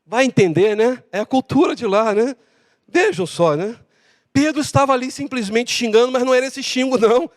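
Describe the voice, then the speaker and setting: A Brazilian man preaching a sermon as pastor, acting out dialogue with lively changes of voice. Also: extremely high pitch, a little fast. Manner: animated preaching with acted-out dialogue. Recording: long hall reverb.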